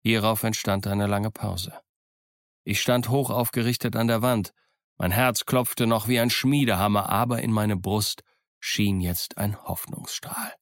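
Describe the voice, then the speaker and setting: A man reading an audiobook in measured storytelling narration. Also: fairly low pitch, dry recording, clean studio sound. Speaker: audiobook reader.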